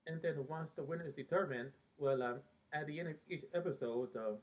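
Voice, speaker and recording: Pausing again and again mid-sentence, a man with a fairly high pitch rambles fondly about a TV show he remembers. He's a Peruvian-born fan vlogger who later lived in America, captured on thin, phone-like audio.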